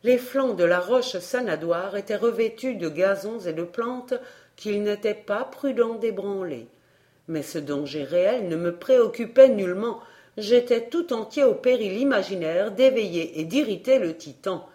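A woman narrating an audiobook of a classic tale. She reads slowly and deliberately in a mid-range voice. Her storytelling is measured and expressive. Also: mid-range voice.

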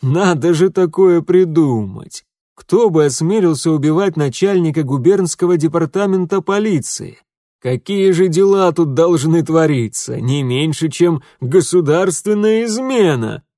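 A man voicing a gruff, hot-tempered middle-aged father who is a police chief, grumbling and barking. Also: mid-range voice, moderate pace, a little mellow, no room sound, studio quality, natural voice. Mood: mocking.

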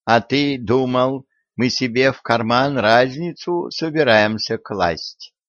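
A man voicing an elderly patriarch who speaks slowly in a measured, fatherly manner. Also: medium pitch, fairly bright tone, dry recording. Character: elderly male patriarch, calm, dignified, shrewd. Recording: dry, dull lo-fi audio.

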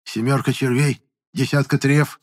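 A man's voice: medium pitch, level tone, moderate pace, pitched above the performer's own voice, close to an everyday voice. A man voicing a shrewd old village fortune-teller woman who probes, commands and grieves in turn. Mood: probing. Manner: sharp, probing, commanding, then grieving.

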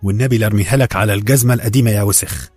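A man voicing a furious Egyptian housewife who shrieks and curses in a husky voice. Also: fairly low pitch, rapid-fire, a little mellow, dry recording, soft background music. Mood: furious shrill. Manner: shrieking, cursing, indignant. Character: shrill furious Egyptian housewife, middle-aged.

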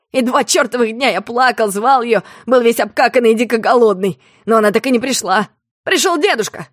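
A woman's voice: medium pitch, no room sound, studio quality, lightly acted. A woman voicing a drunk, heartbroken young man.

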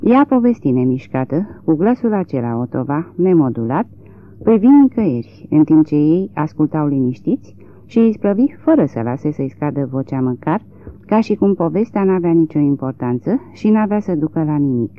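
Un bărbat care citește expresiv și măsurat o carte audio literară. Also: male voice, a little high, very animated. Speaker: audiobook reader. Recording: tinny lo-fi narrow-band recording.

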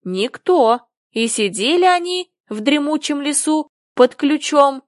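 A woman doing a drowsy hoarse dormouse. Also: sits high, expressive, no room sound, clean studio sound. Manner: drowsy, hurried.

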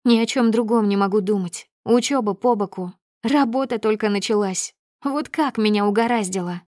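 A woman's voice: mid-range voice, moderate pace, a little mellow, dry recording, clean studio sound. A woman narrating a first-person audiobook.

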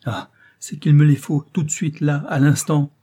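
A man's voice: little pitch movement, normal speed, warm tone, husky. Storybook viscountess, young and flighty, pleading in a raised voice; a man reads her. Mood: urgent pleading. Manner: pleading, breathless, high-strung.

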